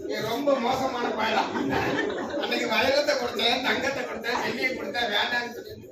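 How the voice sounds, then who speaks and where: A man's voice: very high-pitched, steady tone, fairly quick, over a noisy crowd. A man voicing a kindly male god who turns to scolding, as he tells a story in a speech. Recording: echoey hall, from far off, noisy.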